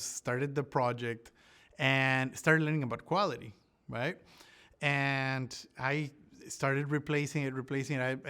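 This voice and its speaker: Man from Ecuador, smooth voice, halting. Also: mid-range voice, sharp tone. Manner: thoughtful, many restarts and fillers. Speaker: olive researcher. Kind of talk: interview answers.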